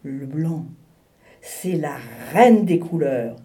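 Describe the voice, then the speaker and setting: A woman's voice: low-pitched, expressive, extremely slow, dark tone, heavily acted. A woman voicing a stubborn polar bear in a storybook reading, speaking earnestly and insistently.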